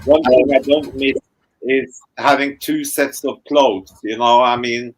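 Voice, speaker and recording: A man's voice: medium pitch, fairly even intonation, unhurried, rough recording. A man from Norway chatting casually on a group video call, easygoing and drawn out, with plenty of fillers and casual swearing.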